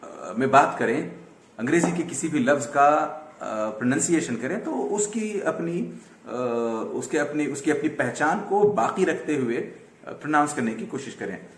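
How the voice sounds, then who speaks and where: A man's voice: on the high side, lively intonation, slight background noise. Patient male teacher, echoey room. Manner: patient, repeats words slowly for drill; mixes Hindi-Urdu with English words. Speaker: English pronunciation teacher. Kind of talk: online language lesson.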